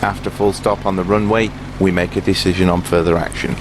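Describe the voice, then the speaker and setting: A man speaking as an airline captain from the cockpit on a headset, giving announcements and a takeoff briefing in a measured, procedural way. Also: sits low, flat delivery, noisy background. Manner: measured, procedural pilot delivery. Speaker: airline captain in a flight simulator roleplay.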